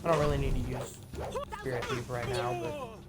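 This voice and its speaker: A man's voice: medium pitch, very animated, normal speed. A man giving casual, joking commentary while playing a video game, swearing freely. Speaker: let's play gamer.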